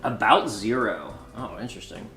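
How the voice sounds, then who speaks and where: A man's voice: on the low side, animated, normal speed, bright, forceful tone. A man in his twenties streaming a card game, chatting loosely and jokingly with viewers while he plays. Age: 20s. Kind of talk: casual live-stream commentary. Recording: roomy echo, faint music behind.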